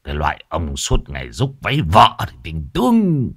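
A man voicing a crude, blunt old man with a low, gruff drawl. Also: lively intonation, a little slow, fairly bright tone, no echo, clean studio sound, exaggerated voice. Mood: mocking.

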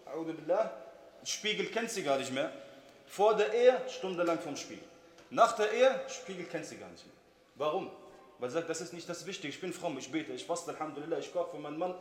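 Male preacher, fairly high voice, animated storyteller who acts out each speaker, echoey hall with faint hiss. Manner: animated, switches pitch to act out quoted speakers; recites Arabic quotes rapidly. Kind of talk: storytelling sermon.

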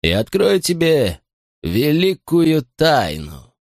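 A man voicing a sinister drunken butler who speaks very slowly, quietly and deliberately in a low voice. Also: huge pitch swings, vocal fry, dry recording, studio quality, exaggerated voice. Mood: menacing. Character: sinister drunken male butler, slow and menacing.

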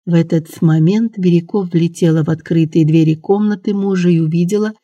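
Mellow, dry dramatic audiobook narrator. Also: mid-range voice, no room sound. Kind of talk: scripted narration.

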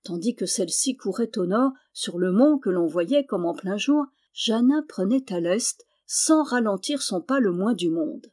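A woman narrating a historical novel audiobook in a steady, measured way. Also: mid-range voice. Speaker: audiobook reader.

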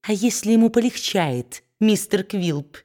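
A woman voicing a fawning, sycophantic male lawyer who flatters his master at every turn. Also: mid-range voice, unhurried, close to an everyday voice. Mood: timid.

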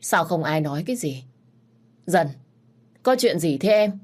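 A woman's voice: on the low side, animated, measured pace, a little mellow. A woman voicing a confused young man asking his family what happened, in a spoken story. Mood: puzzled. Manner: bewildered, pleading.

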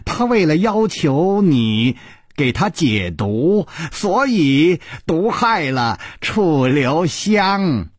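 A man's voice: on the high side, sing-song, extremely slow, husky, dry recording, clean studio sound, full character voice. A man voicing a witty, composed young swordsman, speaking in a light, wry, questioning tone. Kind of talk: traditional storytelling broadcast.

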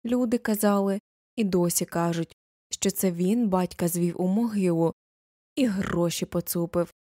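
A woman's voice: on the low side, unhurried, dark tone, dry recording, studio quality. A woman voicing a stern old village grandfather who speaks curtly, in an audiobook. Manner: stern, curt.

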